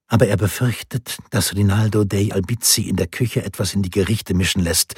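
Brief: pointed, questioning noble lady, read by a man, raised a little in pitch, very husky. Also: brisk, darkish tone, no echo, studio quality. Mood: probing. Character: shrewd questioning noblewoman, wife of a lord.

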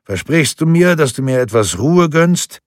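A man's voice: a little high, expressive, measured pace, dry recording, studio quality, voice pushed up. A man voicing a mild, fond old grandfather in an audiobook. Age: older. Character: gentle doting old grandfather.

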